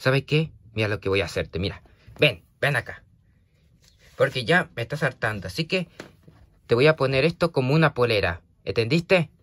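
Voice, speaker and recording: A man's voice: mid-range voice, expressive, moderate pace, a bit bright. A man vlogging casually, rambling hesitantly with many fillers and restarts as he talks to a toy companion. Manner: hesitant, full of fillers and restarts, scolding then apologetic. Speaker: vlogger talking to a toy creeper.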